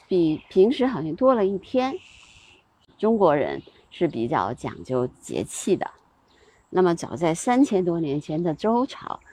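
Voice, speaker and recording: Chatty woman host, husky and lively, fillers and light laughs. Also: deep voice. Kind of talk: casual spoken talk on seasonal customs.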